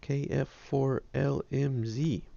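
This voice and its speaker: A man's voice: mid-range voice, fairly even intonation, slow, vocal fry, mellow, dull audio. A man, hosting a ham radio livestream in a casual, rambling, self-deprecating way. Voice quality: nasal. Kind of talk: casual chat.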